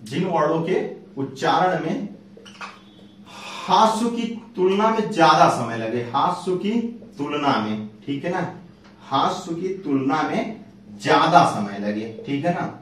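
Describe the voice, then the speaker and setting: A man's voice: a little high, expressive, measured pace, a bit bright, a little hiss or hum. A male teacher, giving an exam-prep lesson and repeating questions he then answers. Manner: repetitive, asks and answers own questions. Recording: very echoey room, distant from mic.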